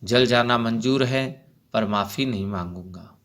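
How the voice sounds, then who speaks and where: A man's voice: medium pitch, a little slow, fairly bright tone. A man voicing a brave, defiant young male freedom fighter who answers back with fiery retorts, in a school play reading.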